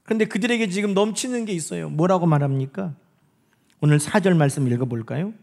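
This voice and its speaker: A man preaching a Sunday sermon in a church. He asks the congregation rhetorical questions and slows down to stress phrases from scripture. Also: sits high, gravelly, darkish tone. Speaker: pastor. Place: church sanctuary.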